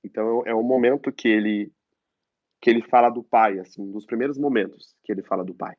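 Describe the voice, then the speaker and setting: A Brazilian man, an actor, chatting casually on a live stream through his phone, halting and restarting as he talks. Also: fairly low pitch, steady tone, dry recording. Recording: dull lo-fi phone audio.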